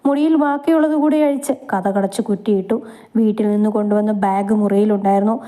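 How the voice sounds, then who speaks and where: A woman reading a romantic family story aloud in a gentle, steady storytelling manner. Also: medium pitch.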